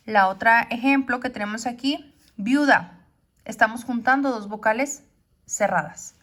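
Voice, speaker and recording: A woman teaching a poetry lesson. She explains step by step and often checks with a quick question. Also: on the high side, a bit bright.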